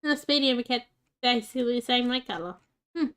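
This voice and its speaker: Chatty woman with a high voice. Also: expressive, fast, a bit bright. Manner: chatty, talks fondly to the game's pets. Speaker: gaming channel host. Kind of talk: casual gameplay commentary.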